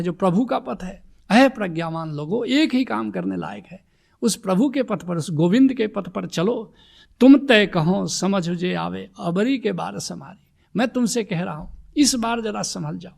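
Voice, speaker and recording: High, gravelly man preaching a sermon. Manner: recites verses slowly then explains them urgently; exhorting, rhetorical questions to listeners. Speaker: spiritual teacher. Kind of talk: sermon on devotional verses.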